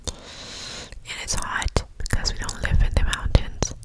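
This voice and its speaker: A young woman whispering breathily into cupped hands in ASMR style, reflecting in a hesitant, personal way. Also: slow. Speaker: ASMR host. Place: alone in a room at home.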